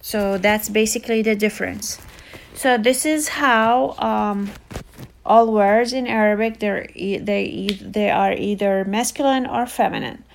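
Woman tutor, unhurried, mid-pitched, repeats words and says um a lot. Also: creaky, slight background noise. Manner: slow, repetitive teaching with many fillers. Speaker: Arabic tutor. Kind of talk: casual online language lesson.

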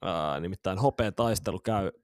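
A man's voice: low-pitched, no room sound, studio quality. A man co-hosting a casual football podcast, bantering and teasing his friends during a quiz. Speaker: podcast co-host.

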